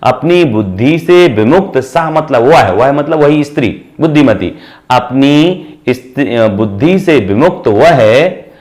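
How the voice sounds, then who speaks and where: A man teaching a class in a lively voice that rises and falls a lot. He keeps asking the listeners questions and then answers them himself. He goes back over key words slowly, one piece at a time. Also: medium pitch. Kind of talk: Sanskrit lesson explained in Hindi.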